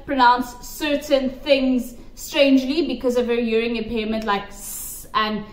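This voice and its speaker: Speaking at a measured pace in a fairly high, level voice, the South African vlogger delivers forceful opinions on pageants straight to camera. She restates her points for stress, and the recording carries a roomy echo.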